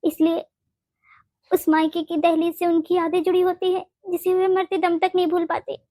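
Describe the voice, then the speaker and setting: A woman voicing a fiercely protective, sharp-tongued older mother-in-law in a Hindi cartoon, blunt and bossy. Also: very high-pitched, little pitch movement, moderate pace, dry recording, clean studio sound. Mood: consoling. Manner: blunt, scolding, makes boastful vows.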